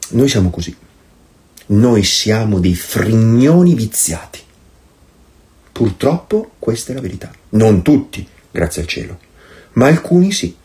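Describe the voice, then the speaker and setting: A man's voice: on the low side, dark tone. A man giving a priest's meditation in an impassioned, sarcastic and emphatic way. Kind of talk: recorded meditation, sermon-like.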